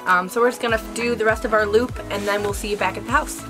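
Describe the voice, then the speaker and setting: A woman's voice: medium pitch, steady tone, quick pace, music in the background. A young woman vlogging on a winter hike in the woods, talking chattily to a handheld camera with lots of fillers. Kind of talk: casual vlog talk to camera.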